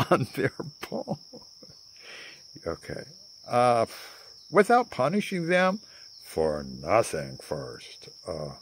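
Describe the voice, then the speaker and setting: Slow rambling older male storyteller. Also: deep voice, a little hiss or hum. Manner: rambling, slow, many pauses and fillers. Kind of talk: improvised story narration. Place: outdoors in a garden.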